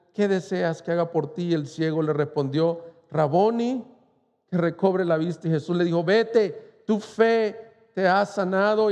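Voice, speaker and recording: A man's voice: high-pitched, mellow, long reverb tail. A man pastor from Mexico preaching an impassioned sermon, rising to fervent cries. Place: church.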